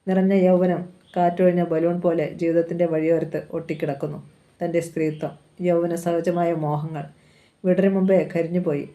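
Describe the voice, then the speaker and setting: A woman reading a novel aloud in a calm, even voice. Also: lowish voice, normal speed, muffled recording. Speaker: novel reader.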